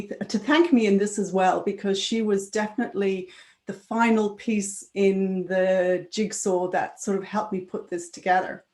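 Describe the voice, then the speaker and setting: This conference speaker has a mid-range, darkish voice, and the room around her echoes. She presents in a chatty way, often tacking on tag questions and laughing from time to time.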